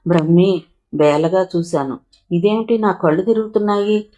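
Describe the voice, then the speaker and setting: A woman's voice: lowish voice, normal speed, dark tone. Woman reading a novel aloud, emotive. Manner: emotive first-person reading. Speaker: storyteller. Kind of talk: audiobook narration of a novel.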